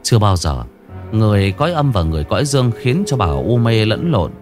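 A man narrating a ghost story as a storyteller, telling it in a dramatic, expressive way. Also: fairly low pitch, a little fast, faint music behind.

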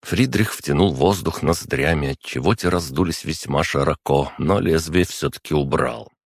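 A male audiobook narrator with an extremely deep, husky voice reads in a steady, measured way. The sound is dry and close, with no room around it. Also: no room sound. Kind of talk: scripted narration.

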